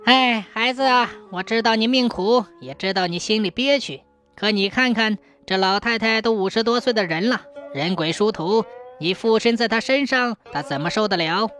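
A woman's voice: medium pitch, normal speed, fairly bright tone, faint music behind, lightly acted. A woman voicing a shrewd old village spirit medium who scolds, coaxes and bargains in a folksy way. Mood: coaxing.

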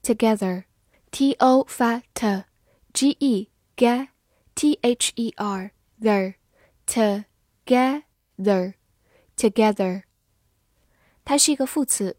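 Woman teacher, slightly high voice, slow spelled-out vocabulary lesson. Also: no echo. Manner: slow, spells words letter by letter.

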